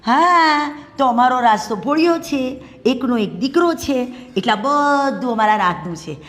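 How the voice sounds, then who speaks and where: An actress playing a middle-aged paternal aunt who sneers at and threatens a poor new bride in a family drama. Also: female voice, high-pitched, expressive, measured pace, big-room sound. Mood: sneering.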